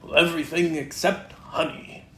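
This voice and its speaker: A reader voicing Tigger, a bouncy, cheerful, boastful young male tiger who talks loudly, in a storybook reading. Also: mid-range voice, flat delivery, moderate pace, close to an everyday voice. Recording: roomy echo, faint background noise.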